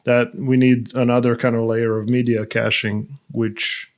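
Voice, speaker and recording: A man's voice: mid-range voice, flat delivery, measured pace. A man guesting on a tech podcast, matter-of-fact about his project and teasing the host. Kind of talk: casual tech chat.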